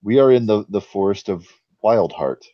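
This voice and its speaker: A man running a tabletop game as game master, narrating casually and haltingly as he thinks aloud. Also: fairly low pitch, lively intonation, dry recording, lo-fi sound.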